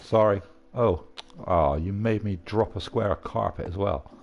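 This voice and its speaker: Low-voiced chatty man. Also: unhurried, creaky, a little mellow. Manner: chatty, rambling, often laughing. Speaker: gaming video host. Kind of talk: casual gameplay commentary. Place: room at home.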